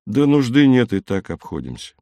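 A man voicing a calm, dutiful young rover driver who speaks matter-of-factly, in a storybook reading. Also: mid-range voice, moderate pace, no echo, close to an everyday voice. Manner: matter-of-fact, slightly apologetic.

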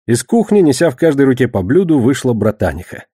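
Man reading an audiobook, mellow and dry. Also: medium pitch, sing-song, fairly quick, slightly rough, no room sound. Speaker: narrator. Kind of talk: audiobook narration.

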